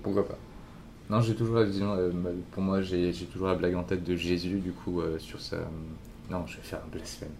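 A man hosting a podcast, asking relaxed questions in a casual interview at a hostel. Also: sits low, brisk, slight background noise. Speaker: podcast host.

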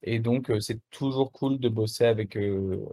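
Laid-back young man with a lowish voice. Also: moderate pace. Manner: relaxed, many fillers and restarts, slangy. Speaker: musician guest. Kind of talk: casual interview chat.

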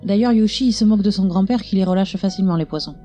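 A woman's voice: medium pitch, racing, dark tone, faint music behind. A woman co-hosting a casual film recap, explaining the plot in detail. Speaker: podcast co-host.

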